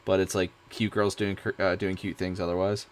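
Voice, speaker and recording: A young man streaming, chatting casually in an excitable, rambling way. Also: sits low, fairly quick. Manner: rambling, excitable, many fillers and restarts. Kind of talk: casual chat.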